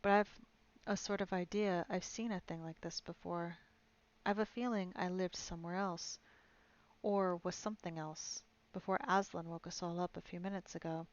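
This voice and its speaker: Woman playing a gentle talking horse, slow, thoughtful, low, dull stream audio. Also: fairly even intonation, lightly acted. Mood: musing.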